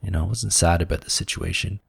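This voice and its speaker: A man with a low, gravelly voice shares a personal story on a spiritual talk show. He talks in an earnest, reflective way and leans on filler words. The sound is dry and close. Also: fairly even intonation, fast talker, dry recording. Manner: reflective, earnest, many "you know" fillers. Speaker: podcast co-host.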